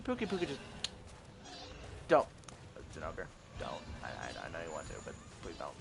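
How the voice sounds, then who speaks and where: A man's voice: extremely low pitch, wildly swooping pitch, moderate pace, vocal fry, over music. A man giving casual gameplay commentary, rambling with restarts and swearing when things go wrong. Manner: profane, easily frustrated, rambling with restarts. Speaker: gamer commentating his play. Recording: loud game noise underneath. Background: video game sounds.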